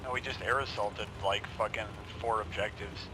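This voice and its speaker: A blunt, heavily profane man chatting casually while playing as a tank driver in a military game, over a loud engine. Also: lowish voice, fairly even intonation, moderate pace, noisy background. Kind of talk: casual gaming chat.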